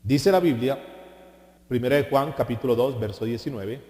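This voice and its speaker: Animated man preaching in an echoey hall. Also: mid-range voice, moderate pace. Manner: animated preaching with rhetorical questions and mocking impressions. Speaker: pastor. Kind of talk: sermon.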